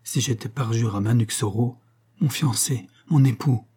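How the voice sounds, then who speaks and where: Man reading a haunted dying princess, quiet and shaky, dark voice. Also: mid-range voice, normal speed, husky. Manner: faint, trembling recitation. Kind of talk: audiobook character voice.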